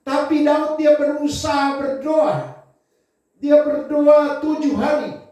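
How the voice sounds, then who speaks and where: A man preaching a sermon in an animated way, swinging between loud emphasis and quiet asides. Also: very high voice, takes it slowly. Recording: very echoey hall, voice from far off.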